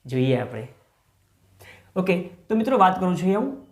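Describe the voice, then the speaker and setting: A man's voice: sits high, big pitch swings, a little fast, roomy sound. A male school teacher giving a grammar lesson. He calls his listeners friends, asks questions and answers them himself, and stretches out key words.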